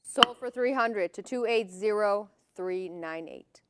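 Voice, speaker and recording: A woman's voice: mid-range voice, slow, very noisy. A woman working as an auctioneer, calling lots and bids in a formal, clipped, repetitive manner.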